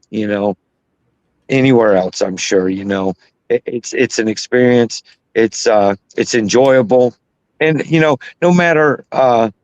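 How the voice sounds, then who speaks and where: Earnest man in his fifties, halting speech. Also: on the low side, a little mellow, dry recording, highs cut off. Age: 50s. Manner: halting, full of fillers, earnest. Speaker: guest. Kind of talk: casual panel chat.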